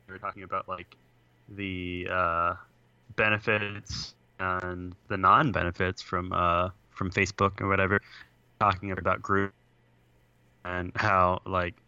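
Over a choppy video call on his computer, a young man co-hosting a podcast talks casually in a deep, sharp, smooth voice, rambling and filling gaps with "like" and "uh". The recording sounds dull and carries no room sound.

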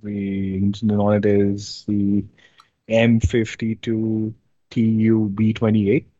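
A young man from India, chatting casually as an interview guest, relaxed and hesitant with many fillers. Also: on the low side, slow pace, husky, dry recording, dull audio. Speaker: interview guest, amateur drifter.

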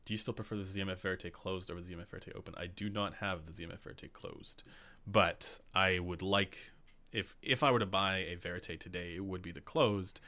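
A Canadian man with a very low, gravelly voice chats casually on a live stream. His tone is bright and forward. He rambles, restarts, and fills pauses with ums while reading viewer questions. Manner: rambling, many fillers and restarts, reads chat questions aloud. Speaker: host.

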